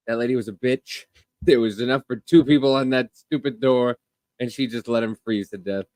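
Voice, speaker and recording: A man co-hosting a podcast in casual chat, telling stories in a lively, excitable way. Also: mid-range voice, normal speed, no echo. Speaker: podcast co-host.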